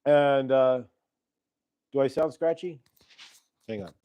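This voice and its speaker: Speaking slowly in a smooth, mellow, medium-pitched voice, this middle-aged host rambles through a relaxed live stream. He sounds grateful, often restarting sentences and leaning on fillers, and talks into a clip-on transmitter mic.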